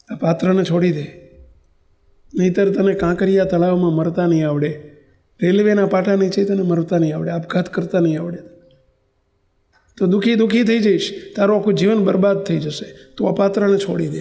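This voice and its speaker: A man's voice: high voice, fairly even intonation, normal speed, gravelly, pauses often, dark tone. A man with a Gujarati accent who is a monk preacher, telling a story in a sermon and acting out the dialogue.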